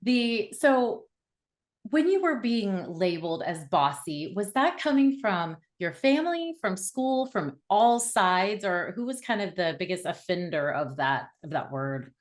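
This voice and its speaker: A woman's voice: medium pitch, sing-song, measured pace. Chatty enthusiastic woman podcast host. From Oklahoma. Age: 40s. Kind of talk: casual podcast interview.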